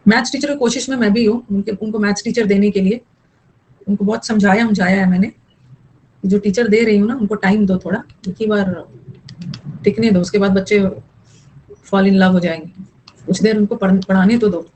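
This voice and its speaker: A woman's voice: mid-range voice, fairly even intonation, moderate pace, pauses often, darkish tone, poor audio. A young woman teaching an online English grammar class, mixing explanation with chatty scolding asides to her students.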